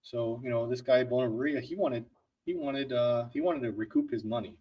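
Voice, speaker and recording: A man's voice: mid-range voice, fairly quick, slightly rough, dull audio. A man co-hosting a casual livestream podcast, telling history in a rambling, joking way. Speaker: podcast co-host.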